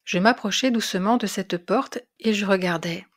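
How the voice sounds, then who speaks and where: A woman narrating a classic French short story in a measured, expressive storytelling voice. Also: medium pitch. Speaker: reader of literary classics.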